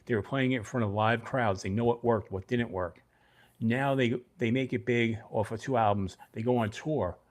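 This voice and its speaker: In a steady, medium-pitched voice at normal speed, a middle-aged Brooklyn livestream host chats casually. His accent mixes New York and New Jersey, and he rambles while replying to viewers by name.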